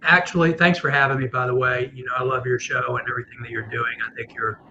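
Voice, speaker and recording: A man's voice: medium pitch, steady tone, quick pace, pushed and bright. A man chatting casually as a guest on a video call. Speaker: guest, attorney. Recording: slightly dull connection, faint background noise.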